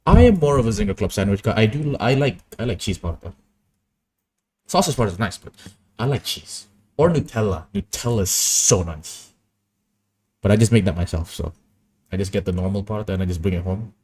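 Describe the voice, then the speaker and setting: A man's voice: lowish voice, lively intonation, brisk, long pauses, darkish tone, a little hiss or hum. A young man chatting casually and rambling through stories while he works on an animation. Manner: rambling, anecdotal, easily amused. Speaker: animation streamer.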